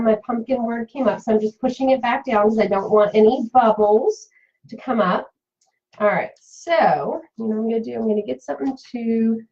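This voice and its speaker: A woman's voice: medium pitch, a little mellow, highs cut off. A woman leading a live-streamed craft tutorial, chatty and full of fillers, answering viewers' comments as she works. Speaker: craft demonstrator and seller.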